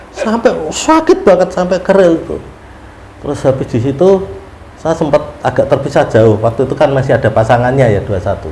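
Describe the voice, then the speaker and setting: A man telling a long story in a casual interview, animated, often laughing and acting out his prayers. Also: medium pitch. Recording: roomy room with faint ambient noise.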